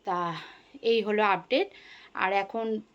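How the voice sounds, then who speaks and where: A woman's voice: medium pitch, fairly even intonation, takes it slowly, lo-fi sound. A middle-aged woman, talking to her viewers in a casual daily vlog, chatty and full of fillers. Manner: chatty, addresses viewers as friends, frequent fillers. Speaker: vlogger.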